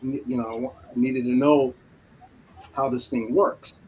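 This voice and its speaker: A man whose first language is Creole, telling a personal story in casual live talk-show chat, animated and emphatic, often repeating himself. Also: mid-range voice, unhurried, slight background noise. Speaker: co-host.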